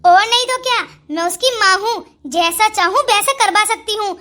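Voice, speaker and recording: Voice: extremely high pitch, normal speed, pushed and bright. A performer voicing a sly, bossy older mother-in-law in a Hindi cartoon story, scolding and plotting. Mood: scheming.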